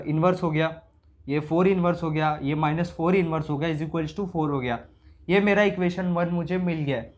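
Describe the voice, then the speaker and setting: A man teaching circuit analysis, working through each step casually and asking himself questions as he goes. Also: high voice. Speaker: engineering teacher. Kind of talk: explaining circuit problems on a board.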